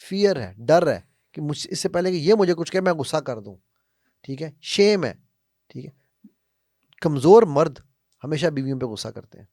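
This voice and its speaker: A man speaks in a gravelly, slightly raised voice, delivering a forceful self-help talk rooted in faith. He drives his points with rhetorical questions, slips English phrases into his speech, and checks in with listeners as he goes. The recording is dry and close. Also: a little high, lively intonation, pauses often, no room sound. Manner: emphatic, keeps asking "right?" and uses rhetorical questions. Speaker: motivational speaker.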